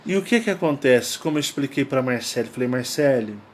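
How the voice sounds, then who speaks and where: A man's voice: mid-range voice, expressive, fairly quick, a little hiss or hum. A man with a Brazilian Portuguese accent, hosting his channel and telling a personal story in casual style, emphatic and prone to repeating key phrases. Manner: acts out quoted dialogue. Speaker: channel host.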